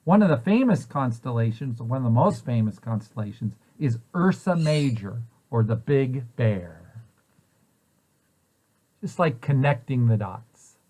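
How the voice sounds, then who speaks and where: A preschool site director reads a children's picture book aloud to kids in an explanatory way, asking questions and then answering them himself. His medium-pitched voice is warm and expressive, and he takes his time.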